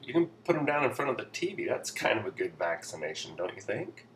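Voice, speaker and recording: A man's voice: lowish voice, very animated, fairly quick, recorded from a distance. A man giving sarcastic, mock-authoritative parenting advice in a comedy vlog. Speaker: comedy vlogger. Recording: roomy echo, off-mic, faint noise.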